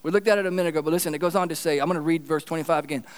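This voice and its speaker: A man's voice: fairly high pitch, very fast, smooth, in a large hall. A man preaching a sermon as pastor, earnest and emphatic, building his points through repeated phrases.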